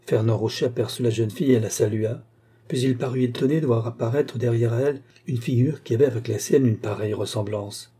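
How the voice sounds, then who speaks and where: A male audiobook narrator reading a nineteenth-century-style novel. His voice is very dark and husky, and his storytelling is even and steady. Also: mid-range voice, a little fast. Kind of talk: scripted narration.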